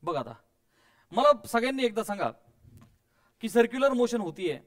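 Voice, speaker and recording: A man's voice: extremely high pitch, big pitch swings, normal speed. A man teaching physics to a classroom of students, coaxing and quizzing them, mixing English terms in and adding playful sound effects.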